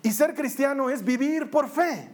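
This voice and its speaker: Jokey priest preaching. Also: male voice, very high-pitched, unhurried. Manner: conversational, humorous storytelling. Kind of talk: sermon.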